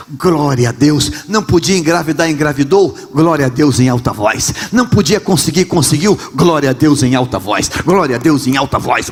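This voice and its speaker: A man preaching a Pentecostal sermon as pastor in a large church, with a Rio de Janeiro Brazilian Portuguese accent, impassioned, often shouting and repeating phrases. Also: mid-range voice, slightly rough, in a large hall.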